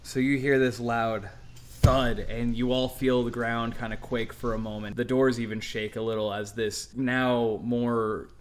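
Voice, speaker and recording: A man's voice: mid-range voice, flat delivery, measured pace, slight background noise. Man narrating as game master. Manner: vivid descriptive narration, chuckling at times.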